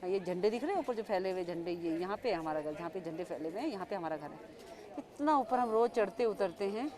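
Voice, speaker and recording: Amid crowds and passing vehicles, a woman with an Indian accent films a casual market-street vlog on her phone, using no external mic. She chats fast with lively intonation at a medium pitch, pointing things out to viewers and repeating herself.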